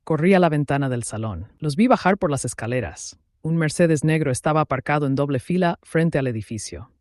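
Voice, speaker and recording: A man narrating a first-person dramatic story in a calm, even way. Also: on the high side, a little fast, no echo, clean studio sound.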